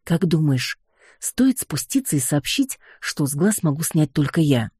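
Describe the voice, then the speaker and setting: A reader voicing a sharp-tongued young witch heroine in an audiobook, with indignant quick retorts. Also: sits low, big pitch swings, slightly rough, dry recording, clean studio sound, heavily acted. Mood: teasing.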